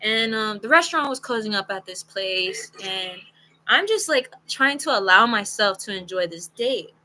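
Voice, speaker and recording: A young woman telling a personal story to camera in a casual, frank, animated way, full of "like" and the odd swear word. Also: mid-range voice, normal speed, low-quality recording. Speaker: storytelling video creator. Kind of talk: casual story-time monologue.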